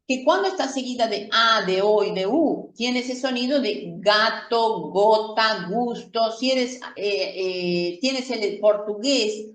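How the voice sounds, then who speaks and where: Woman teacher, slowish higher voice, patient, says words twice, mic kinda far off. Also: a bit bright. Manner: patient, checks in with "¿sí?" often; models words slowly and repeats them. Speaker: Spanish teacher. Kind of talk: slow, careful classroom explanation. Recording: echoey room from a distant mic.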